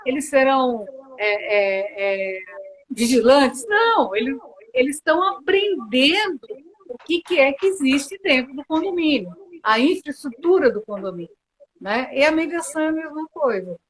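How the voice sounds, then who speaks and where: Brazilian lady mediator on a video call, kinda high voice, explains stuff, lots of "a, a, a" restarts. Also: animated, normal speed, rough recording. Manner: earnest, with frequent hesitant restarts. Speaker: mediator and guest. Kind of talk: explanatory interview answers.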